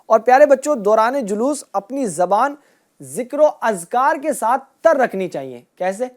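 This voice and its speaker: A woman teaching a group of children, asking them questions and repeating their answers, and drawing out key words slowly. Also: on the high side, big pitch swings, a little mellow. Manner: asks a question, then repeats the answer back. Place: room with children and a passed microphone.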